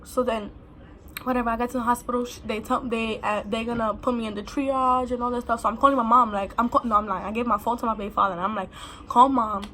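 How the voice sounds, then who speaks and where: A woman's voice: a little high, quick pace, slight background noise. Blunt young New woman vlogger. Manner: blunt, profane, animated quoting of others. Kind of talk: casual storytelling.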